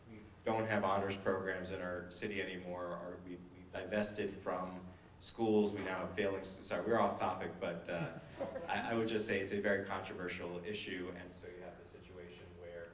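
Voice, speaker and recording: A man's voice: low-pitched, flat delivery, moderate pace, recorded from a distance. A man speaking on a panel discussion, hesitant with many fillers and restarts. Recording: echoey hall, voice from afar.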